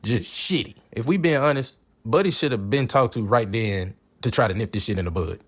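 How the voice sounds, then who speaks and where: Man, movie reaction host, casual, profane, animated pitch. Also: brisk. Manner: blunt, profane, laughing asides.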